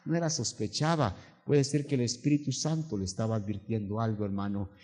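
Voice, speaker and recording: Guatemalan pastor preaching with hall reverb. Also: male voice, lowish voice, steady tone, brisk, darkish tone. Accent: Guatemalan Spanish. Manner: storytelling preacher acting out quoted voices. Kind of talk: sermon. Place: church sanctuary.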